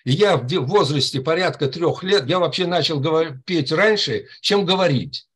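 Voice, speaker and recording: This is a man in his eighties speaking into a webcam from his room at home. His voice is husky and sits a bit high. He rambles through his points, restarting words and hesitating often. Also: expressive, moderate pace, fairly bright tone. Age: 80s. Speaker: club member commenting. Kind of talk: casual chat on a video call. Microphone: webcam on a video call.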